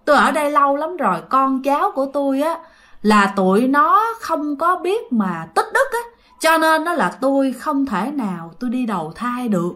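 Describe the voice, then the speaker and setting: A woman's voice: high-pitched, sing-song, normal speed, a bit bright. A woman storyteller voicing the weeping ghost of an old woman who repeats her lament over and over. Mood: mournful. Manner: repetitive lament.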